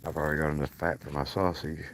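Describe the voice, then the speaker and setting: At night beside an outdoor fire, a man with an Appalachian accent chats casually on a livestream in a folksy, rural manner. His voice is extremely low yet fairly bright, quick and flat in delivery. The handheld phone recording is clearly noisy.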